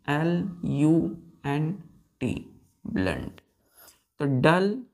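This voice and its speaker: In a classroom vocabulary lesson, a woman with an Indian accent and a low, slightly mellow voice spells English words letter by letter. She keeps repeating her questions to the students.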